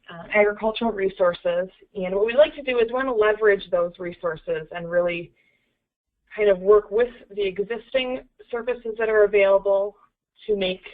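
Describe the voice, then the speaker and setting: Woman practicing interview answers over the phone. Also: mid-range voice. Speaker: program coordinator practicing interviews. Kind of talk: mock media interview answers. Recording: tinny phone line.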